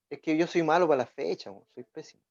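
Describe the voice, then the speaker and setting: A man with a Chilean accent in casual conversation, animated and joking, dropping slang asides. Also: fairly high pitch, normal speed, creaky. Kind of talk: casual chat. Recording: dull lo-fi recording.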